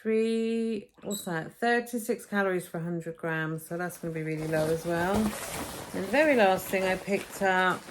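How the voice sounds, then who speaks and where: A woman with a lowish voice, chatting casually as she unpacks her shopping. She is recorded as a phone video, and a faint hiss sits under her voice. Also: moderate pace. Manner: chatty, talks to camera while unpacking shopping. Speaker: vlogger. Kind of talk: casual shopping haul vlog. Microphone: phone camera, filmed as a phone video.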